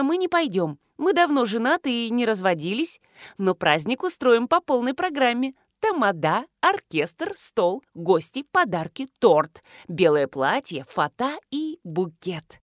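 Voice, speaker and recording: A woman voicing an excited, insistent household cook planning her wedding. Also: on the high side, a little slow, dry recording, clean studio sound.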